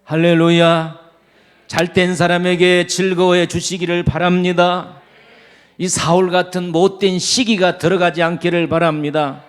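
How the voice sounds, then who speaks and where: High-voiced pastor preaching with call-and-response. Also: male voice, flat delivery, unhurried, smooth. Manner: leads the congregation in call-and-response, acts out quoted lines. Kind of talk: sermon.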